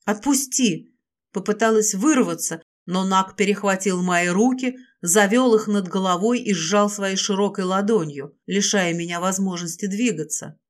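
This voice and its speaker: A woman's voice: mid-range voice, normal speed, few pauses. A woman reading a novel aloud in the first person, with emotional, intimate storytelling. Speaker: audiobook narrator.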